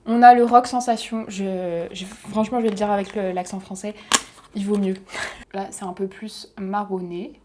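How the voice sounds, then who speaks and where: A young woman, chatting excitedly as she unboxes and swatches makeup for her vlog. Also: medium pitch, normal speed, background noise. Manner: excited, chatty, giggly asides. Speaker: beauty vlogger.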